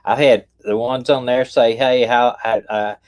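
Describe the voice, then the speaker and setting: A man's voice: mid-range voice, steady tone, unhurried, clear, resonant tone. Middle-aged Southern man hosting, easygoing and teasing in casual banter. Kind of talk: casual chat on a live stream.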